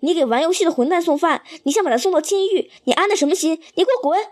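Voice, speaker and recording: Woman reading a harsh, furious father who shouts, in a storybook read-aloud, pitched fairly high. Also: animated, rapid-fire, no echo, clean studio sound. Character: furious stern father, middle-aged man.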